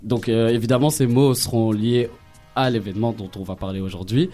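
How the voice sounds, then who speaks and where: A man co-hosting a casual radio show, relaxed and easygoing as he explains a game. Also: medium pitch, a little fast, faint music behind. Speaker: radio co-host.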